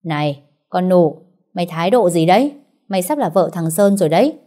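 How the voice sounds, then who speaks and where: A woman voicing a domineering old grandmother who shouts and scolds with scorn. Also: lowish voice, brisk, close to an everyday voice. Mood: scolding.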